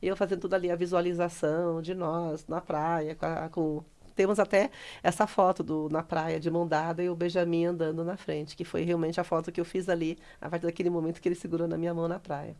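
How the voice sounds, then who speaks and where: A woman's voice: lowish voice, level tone, fast, darkish tone. A middle-aged woman with a Brazilian Portuguese accent, a podcast guest sharing a personal story with feeling, acting out conversations and often laughing. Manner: heartfelt, re-enacts dialogue, breaks into laughter. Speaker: guest, writer and speaker.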